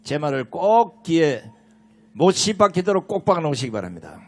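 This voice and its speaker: A man emceeing an outdoor political rally, shouting with crude, indignant fervor. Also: a little high, big pitch swings, moderate pace. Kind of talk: fiery political rally speech. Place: outdoor rally in a station square.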